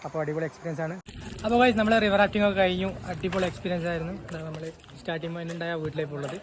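A man's voice: fairly high pitch, very fast. A male vlogger with a Malayali accent talks casually to his viewers, mixing Malayalam with English words. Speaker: vlogger, host. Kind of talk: casual vlog talk to viewers. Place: outdoors by a river. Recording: noisy outdoor vlog audio.

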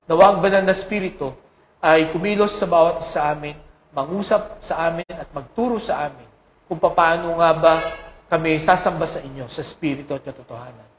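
A male pastor preaches and prays in a fairly high voice. He often breaks in with tag questions and hesitant fillers. The roomy echo of a church sanctuary carries his words. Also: a little fast, slight background noise. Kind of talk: sermon with prayer and scripture reading.

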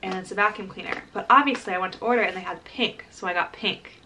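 A woman's voice: mid-range voice, fast, bright, forceful tone. Bubbly young sorority-girl vlogger, noisy recording. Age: early 20s. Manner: frequent filler "like". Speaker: college vlogger. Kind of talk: casual chatty vlog. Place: parked car and small bedroom. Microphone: camera at about arm's length.

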